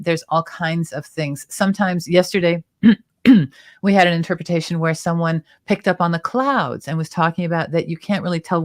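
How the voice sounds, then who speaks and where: A woman's voice: low voice, dry recording, clean studio sound. Chatty woman hosting a tarot show. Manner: chatty, explains symbols at length. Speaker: tarot reader and show host. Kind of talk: explanatory tarot talk show.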